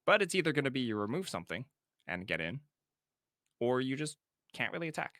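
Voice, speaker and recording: A man's voice: medium pitch, big pitch swings, sharp tone, no room sound, studio quality. A man co-hosting a podcast, reading card text aloud and then giving casual verdicts. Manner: reads card text aloud then judges it, quick to laugh. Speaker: co-host of a card game podcast. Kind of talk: casual card review chat.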